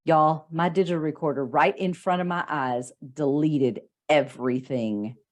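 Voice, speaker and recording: Lower-voiced woman telling stories. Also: unhurried. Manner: animated storyteller, acts out quoted lines. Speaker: podcast co-host. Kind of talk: casual chat.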